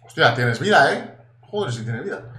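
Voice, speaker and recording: A young man with a Spain Spanish accent giving casual, excitable gameplay commentary, swearing now and then and chatting to his viewers. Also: medium pitch, moderate pace. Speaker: gaming YouTuber. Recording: echoey room with faint noise.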